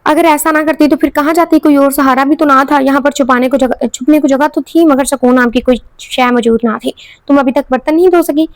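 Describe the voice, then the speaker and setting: A woman reading a romance novel aloud in steady storytelling narration, sometimes correcting herself. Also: high voice, a little fast, hardly any pauses, dry recording. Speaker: audiobook narrator.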